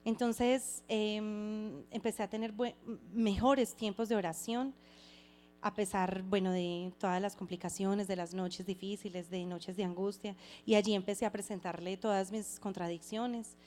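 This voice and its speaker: A woman's voice: mid-range voice, fairly even intonation, a little mellow, a little hiss or hum. Earnest woman sharing a faith testimony. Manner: reflective and halting, with frequent restarts; earnest and heartfelt. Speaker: person giving a testimony.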